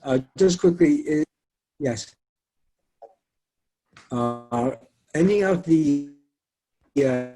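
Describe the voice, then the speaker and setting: A man on a video call whose connection keeps breaking up, asking halting questions in an online meeting with many fillers. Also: medium pitch, mellow, rough recording. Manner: hesitant, stop-start, many fillers. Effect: choppy video call connection breaking up.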